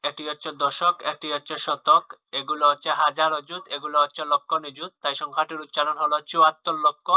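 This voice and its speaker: A man's voice: fairly high pitch, sharp tone, no room sound. A man teaching young children a maths lesson, explaining patiently and repeating himself, with fillers and restarts. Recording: dull lo-fi home recording.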